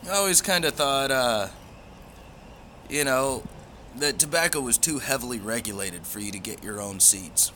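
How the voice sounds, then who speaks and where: A man with a bright, forward voice chats casually as if to online regulars. He rambles along in an easygoing, folksy way. There is some faint background noise behind him. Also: medium pitch, normal speed. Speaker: pipe hobby vlogger. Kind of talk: casual livestream chat.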